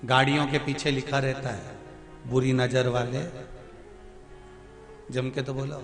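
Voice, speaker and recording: A man's voice: medium pitch, flat delivery, unhurried. A man, giving a devotional sermon in a folksy, teasing way, sometimes half-singing. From Madhya Pradesh, India. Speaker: religious storyteller. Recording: echoey hall with music behind.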